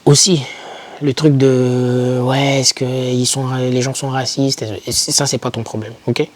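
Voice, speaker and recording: A man's voice: mid-range voice, little pitch movement, unhurried. Young guy talking straight to the camera, chatty and direct, mid-range voice. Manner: direct, conversational, addresses viewer as tu. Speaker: YouTuber advising foreign students. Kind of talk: casual direct-to-camera advice.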